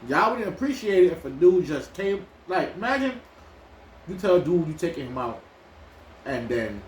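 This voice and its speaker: A man's voice: high voice, sing-song, moderate pace. A man from New York co-hosting a mukbang, telling stories in loose slang with many restarts. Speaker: mukbang co-host. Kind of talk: casual chat while eating. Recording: echoey room with faint ambient noise.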